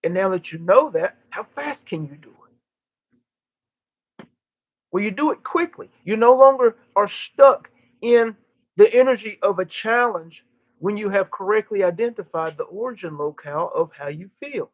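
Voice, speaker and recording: High-pitched man channeling like a seance medium. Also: animated, no room sound, dull audio. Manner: oratorical, emphatic phrases broken by deliberate pauses. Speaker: channeler giving a live session. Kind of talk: channeled spiritual teaching, seance medium delivery.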